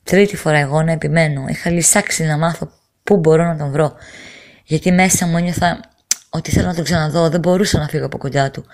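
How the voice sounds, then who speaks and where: A middle-aged woman telling a personal testimony in an earnest, halting way, repeating phrases and restarting sentences. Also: deep voice, steady tone, a little mellow. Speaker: storyteller giving a personal testimony. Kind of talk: emotional first-person testimony.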